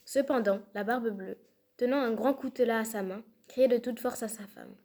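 A woman reading a classic fairy tale aloud in a measured, expressive storytelling manner. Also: fairly high pitch. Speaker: narrator.

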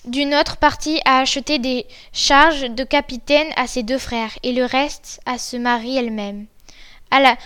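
Woman storyteller, high voice, measured soft reading, fairy tale. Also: smooth.

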